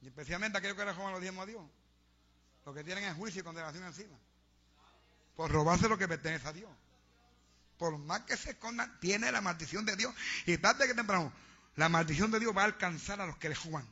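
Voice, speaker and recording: A man preaches with fervor, calling out to the congregation and urging them on. His voice sits high and cuts through, sharp and bright. The recording is dull and lo-fi. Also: brisk, long pauses, slightly rough. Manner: fervent, exhorting, preaching to a congregation. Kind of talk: sermon. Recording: dull lo-fi sound.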